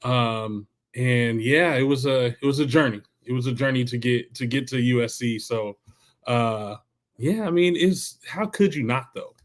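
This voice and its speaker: A male podcast guest from the Bay Area tells stories in a relaxed, easygoing way and acts out the coaches he quotes. His voice sits in an ordinary middle pitch. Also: a little slow. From Bay Area, California. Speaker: guest, former football player and high school coach. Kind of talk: casual interview storytelling.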